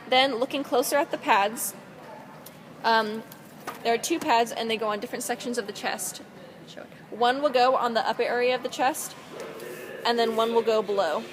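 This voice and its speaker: A woman's voice: on the high side, slight background noise, poor audio. Young woman narrating a first-aid demo. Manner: reads steadily with some fillers. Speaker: student presenter. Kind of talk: scripted instructional narration.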